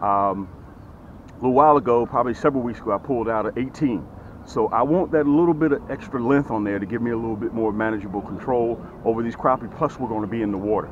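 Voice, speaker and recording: At a lakeshore, a middle-aged fishing vlogger who sells tackle holds a camera close to his face and gives an energetic sales pitch for his gear. He talks quickly and animatedly, gesturing with his hands and saying "okay?" and "guys" over and over. The highs are cut off, with slight background noise.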